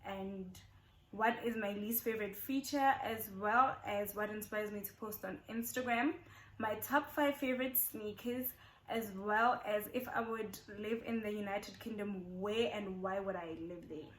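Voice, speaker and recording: Speaking at a medium pitch and a little slowly, this twenty-something South African YouTuber has a somewhat bright tone. Her casual get-to-know-me chat, where she repeats points for emphasis, is recorded in an echoey room with a little hiss or hum.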